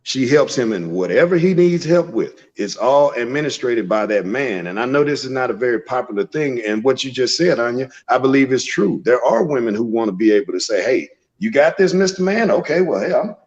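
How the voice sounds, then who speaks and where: A husky man lays out his views in an emphatic, preachy way. The recording is dull and lo-fi. He often acts out little scenes to drive his point home. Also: mid-range voice, lively intonation, brisk, hardly any pauses. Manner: preachy, emphatic, tells short acted-out scenes. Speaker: podcast guest. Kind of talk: opinionated conversational commentary. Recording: dull lo-fi podcast audio.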